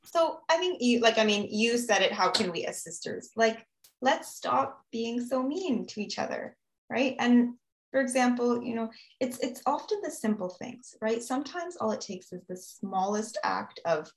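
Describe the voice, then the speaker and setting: A woman's voice: a little high, lively intonation, normal speed, echoey room. A woman, talking earnestly in a casual podcast conversation, giving advice and often adding "you know" and "right?". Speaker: guest speaker on mental health.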